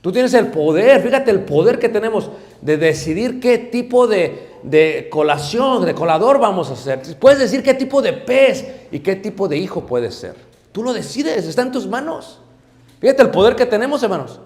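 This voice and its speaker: A man preaching a sermon with a fairly high voice. He swings from loud, pressing emphasis to low, quiet asides, keeping the delivery lively. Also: normal speed. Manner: acts out everyday dialogue in other voices.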